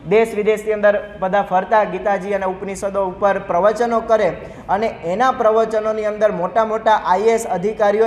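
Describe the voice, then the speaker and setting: A man giving a devotional sermon in a large hall, speaking in a conversational, explanatory way and telling stories. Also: sits high. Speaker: preacher. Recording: echoey hall reverb.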